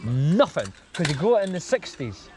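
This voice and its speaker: A man's voice: on the high side, sing-song, normal speed, a little hiss or hum. A young Scottish man hosting a casual podcast chat, talking loosely and swearing, with bro and mate in nearly every sentence. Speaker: podcast host.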